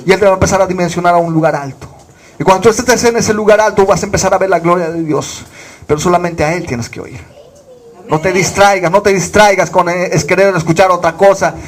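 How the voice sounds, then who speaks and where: Speaking fast, a pastor from Bolivia preaches with fervor in a voice that sits high for a man. He repeatedly asks his congregation questions, only to answer them on his own.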